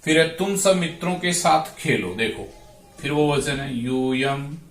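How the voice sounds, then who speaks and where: A man's voice: on the high side, measured pace. A man teaching Sanskrit grammar, drawing out each word and repeating verb forms aloud. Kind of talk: slow classroom explanation. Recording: echoey room, voice from a distance.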